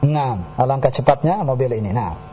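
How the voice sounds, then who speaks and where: A man's voice: medium pitch, normal speed, mellow, slight background noise. A man teaching Arabic grammar on a radio call-in show, explaining patiently step by step and correcting callers. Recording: muffled radio broadcast.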